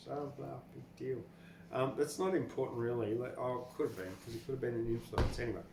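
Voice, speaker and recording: An older Australian man hosts a poetry podcast, chatting and reading poems in an informal, rambling, blunt style that turns expressive in the readings. His medium-pitched, creaky voice runs a little fast with fairly even intonation. The room is echoey, with faint background noise.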